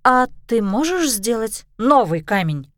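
A woman reading a storybook, voicing an earnest, careful young heroine in a steady voice. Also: fairly high pitch, a little slow, dry recording, studio quality.

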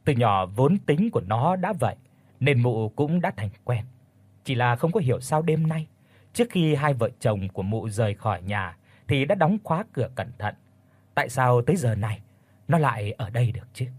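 A man's voice: medium pitch, animated, normal speed, darkish tone, breathy edge, no room sound. A man narrating a horror audiobook with dramatic storytelling.

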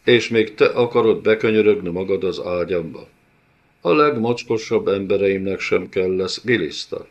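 A man with a deep voice performs a huge, cruel male beast-warlord for an audiobook, taunting with a sneering, mock-tender manner and a gloating, cruel mood. The highs in the recording are cut off.

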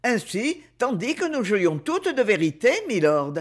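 A man's voice: high-pitched, big pitch swings, normal speed. A man reading aloud and voicing a playful society lady who teases in a raised voice. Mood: teasing. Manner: teasing, half laughing.

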